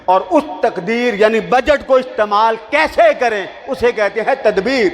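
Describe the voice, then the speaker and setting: A man preaching a sermon, telling a story to a seated crowd. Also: very high voice. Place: large hall with a seated audience. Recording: long reverb of a large hall.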